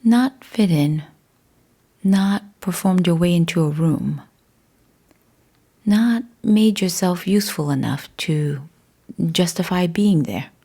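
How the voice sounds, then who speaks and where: A woman guides a meditation in a slightly low, mellow voice with a breathy, husky edge. She speaks in a hushed, measured way, leaving deliberate pauses between phrases.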